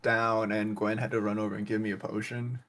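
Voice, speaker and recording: A man playing a tabletop role-playing game, joking and quick to laugh. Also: fairly low pitch, flat delivery, a bit bright. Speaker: player. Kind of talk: casual tabletop game chat.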